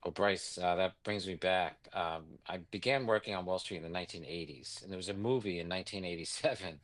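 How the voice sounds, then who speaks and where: Deep-voiced New York man in his 60s. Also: fairly quick. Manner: rambling, anecdotal, many fillers. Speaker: guest, bond market executive. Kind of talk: interview answers.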